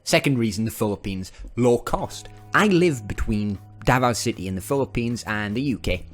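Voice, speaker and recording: A man's voice: mid-range voice, animated, moderate pace, faint music behind. A man with a northeast England accent giving casual, upbeat business advice straight to camera, chatty and salesy. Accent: northern English, northeast England.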